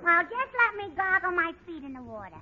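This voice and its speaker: Baby Snooks, shrill bratty little girl. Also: sing-song, brisk. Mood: sly, innocent. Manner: babyish whining, wailing, childish grammar. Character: mischievous, whiny, pestering little girl. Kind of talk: 1940s radio comedy acting. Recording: muffled, noisy 1940 radio recording.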